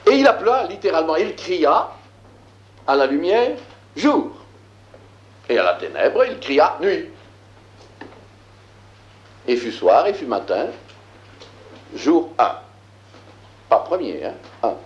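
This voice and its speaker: A man teaching a lesson, reading scripture aloud and explaining it, slow and emphatic, with frequent filler words. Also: fairly high pitch, very animated, echoey room, highs cut off. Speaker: Bible teacher.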